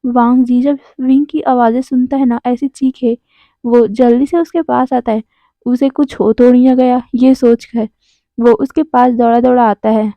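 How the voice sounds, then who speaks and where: A woman's voice: a little high, steady tone, moderate pace, no room sound, muffled recording. A woman storyteller narrating a fan story and voicing each character.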